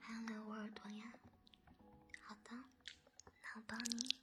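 Whispered role-play: woman playing a doting maid, soothing spa whisper, even and slightly high, music underneath. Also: a little slow, lightly acted. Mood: soothing, attentive. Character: doting, gentle maid sister soothing her master to sleep.

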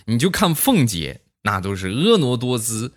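A man's voice: medium pitch, big pitch swings, normal speed. A man telling comic anecdotes in a chatty way, full of tag questions. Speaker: stand-up storyteller. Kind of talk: comic monologue of short anecdotes.

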